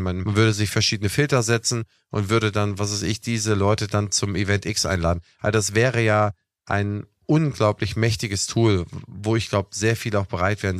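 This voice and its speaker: A young adult podcast host with a lowish voice talks casually and explains at length on his talk show, often saying "ne?" and "was weiß ich". The recording is dry with clean studio sound.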